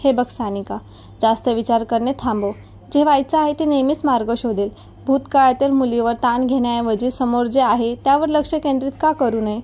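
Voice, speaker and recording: Storybook figure: a playful young woman friend, teasing but soft and firm, fairly high, mellow voice , read by a female narrator. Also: normal speed, natural voice. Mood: reassuring. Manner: teasing yet reassuring.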